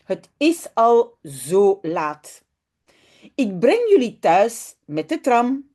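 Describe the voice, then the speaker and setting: A woman voicing a kindly aunt who puts two small children to bed, in a gently bossy, sing-song manner. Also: fairly high pitch, very animated, extremely slow, full character voice. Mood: fond, bossy.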